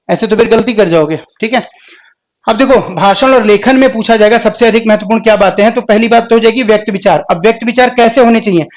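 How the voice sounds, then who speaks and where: High-voiced man teaching a live class. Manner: explains step by step, keeps asking the class questions. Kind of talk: live exam-prep lecture.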